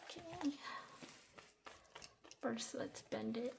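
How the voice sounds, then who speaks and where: A woman's voice: mid-range voice, slow pace, a little hiss or hum. A young woman in her twenties chatting casually as a budgeting vlogger, a little out of breath, with fillers and restarts. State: short of breath. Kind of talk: casual tutorial chat.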